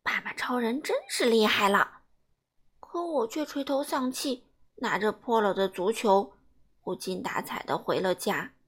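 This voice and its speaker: A woman reading a children's picture story aloud in an expressive way. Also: fairly high pitch, husky. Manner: expressive, unhurried narration.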